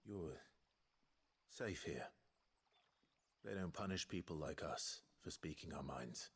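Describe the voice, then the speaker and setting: A man voicing a grave young swordsman in a video game, speaking in a low, steady, husky voice. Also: slow pace, heavily acted. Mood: calm, gentle.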